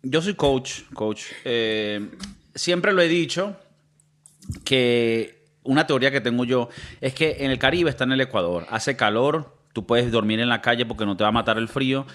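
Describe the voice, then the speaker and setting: A man in his thirties from Venezuela with a Venezuelan Spanish accent blended by years in Miami and Spain, hosting a casual podcast chat as an animated storyteller who swears freely. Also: mid-range voice, moderate pace. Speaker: podcast host.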